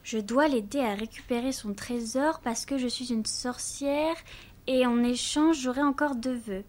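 A woman voicing an eager, quick-witted young girl in an audiobook, speaking earnestly. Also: high voice, darkish tone. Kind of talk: audiobook character voice.

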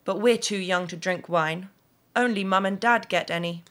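Bright girl, a man doing the voice, slow and eager. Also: high voice, voice pushed up. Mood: explaining.

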